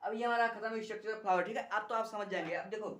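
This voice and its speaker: A woman's voice: medium pitch, fairly even intonation, racing, slight background noise. A woman teaching a biology lesson, repeating key terms and asking rhetorical questions as she explains a diagram. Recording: echoey room.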